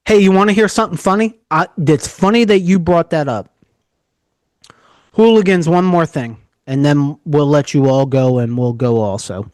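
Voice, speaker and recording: Animated joking podcast host man. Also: on the high side, normal speed, dry recording. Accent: New York area. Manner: animated storyteller, jokey. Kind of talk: casual podcast chat.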